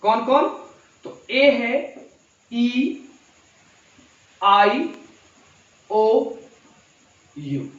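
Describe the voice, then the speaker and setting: A man with a very high voice teaches grammar at a slow, deliberate pace, putting a question to his students and then answering it. He sounds far from the mic in a very echoey room, and the recording is dull. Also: very animated. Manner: asks rhetorical questions and answers them himself; addresses listeners as children. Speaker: English teacher. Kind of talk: classroom grammar lesson.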